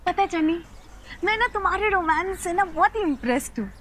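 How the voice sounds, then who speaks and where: Brief: bubbly outspoken girl, very high, bright and sharp. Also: animated, brisk, soft background music. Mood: teasing. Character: chatty teen girl Lovely, lively and bold.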